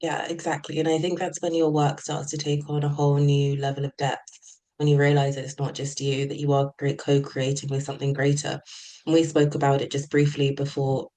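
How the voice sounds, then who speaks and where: Calm, even-toned woman guest. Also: low-pitched, fairly quick, poor audio. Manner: calm, flowing, spiritual phrasing. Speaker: hypnotherapist guest. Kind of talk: interview answers. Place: remote call.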